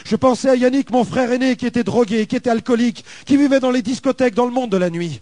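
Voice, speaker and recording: A man with a French accent delivers a dramatic personal testimony and leans on emphatic repetition. His voice sits high for a man, and the recording is dry and close. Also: quick pace, mellow, dry recording. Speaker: testimony speaker.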